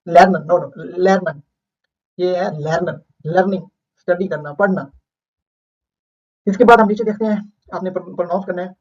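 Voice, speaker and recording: A man's voice: sits high, a little mellow. A man teaching a beginner vocabulary lesson, saying each word twice and then explaining it. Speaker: language teacher. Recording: dull lo-fi recording.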